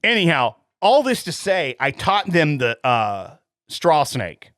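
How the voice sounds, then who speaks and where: A man's voice: a little high, sing-song, takes it slowly, a bit bright, no echo, studio quality. A man, co-hosting a podcast and telling long family stories with frequent laughs. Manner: chatty storyteller, laughs often. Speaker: podcast co-host. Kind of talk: casual chat.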